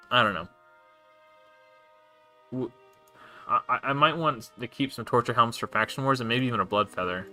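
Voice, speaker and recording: With a bright, forceful mid-range voice, a game streamer rambles through casual commentary on his live play, repeatedly starting over and correcting himself.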